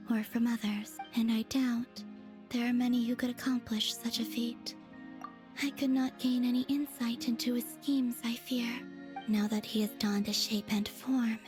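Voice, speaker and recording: A woman voicing a mysterious moon deity who speaks in a measured, soft, often whispery way. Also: on the high side, close to an everyday voice.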